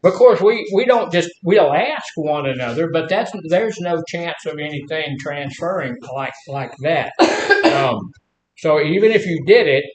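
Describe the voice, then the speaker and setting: A man's voice: a little high, roomy sound, lo-fi sound, a little hiss or hum. A middle-aged man teaching a casual class, folksy and full of questions to the room. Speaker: health instructor.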